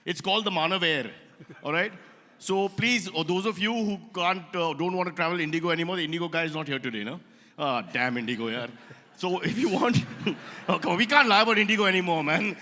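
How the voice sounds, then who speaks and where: Bright-voiced Indian comedian roasting a crowd. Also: male voice, high voice, lively intonation. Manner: teasing rapid banter with crowd asides. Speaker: comedian host. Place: event hall stage. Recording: reverberant event hall.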